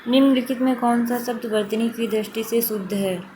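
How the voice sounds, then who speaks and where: A woman's voice: a little high, a little fast. Brief: female teacher, patient walkthrough of exam answers, restates correct forms, noisy home-style recording. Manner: steady explanatory, repeats correct forms for emphasis. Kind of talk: exam question walkthrough lesson.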